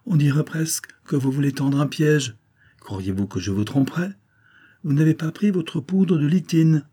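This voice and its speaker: A man voicing a gentle, elegant middle-aged noblewoman who pleads and reproaches in an audiobook. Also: fairly high pitch, lively intonation, moderate pace, slightly rough, voice pushed up. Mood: reproachful. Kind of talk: audiobook character voice.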